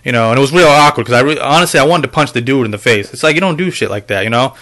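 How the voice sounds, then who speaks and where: Bright-voiced man ranting casually to viewers. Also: medium pitch, expressive, rapid-fire. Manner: profane, rambling storytelling with many fillers; addresses viewers directly. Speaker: video game collector vlogger.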